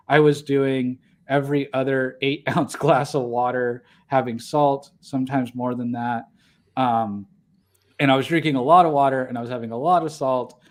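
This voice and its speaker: A man's voice: mid-range voice, a little mellow. A man co-hosting a casual livestream podcast, talking in a rambling way with many fillers and restarts. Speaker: podcast co-host.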